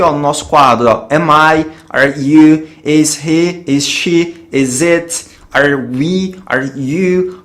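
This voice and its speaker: An English teacher gives a classroom lesson at a whiteboard in an echoey room, his voice high and expressive. He explains patiently, step by step, often checking with "tá?" and "ok?", and slows down sharply for English example phrases.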